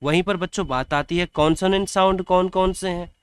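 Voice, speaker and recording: A man's voice: high-pitched, steady tone, fairly quick, clean tone. A man teaching an English grammar lesson to children, repeating words and asking them questions.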